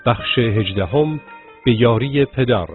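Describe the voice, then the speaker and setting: A man reciting verse and announcing credits in a slow, solemn delivery. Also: medium pitch. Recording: phone-like sound over music.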